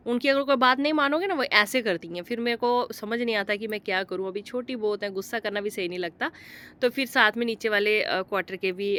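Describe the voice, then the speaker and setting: A woman's voice: mid-range voice, fairly bright tone. A woman in her thirties, a mother and homemaker, narrating her day in a chatty, homely vlog voice-over with many fillers.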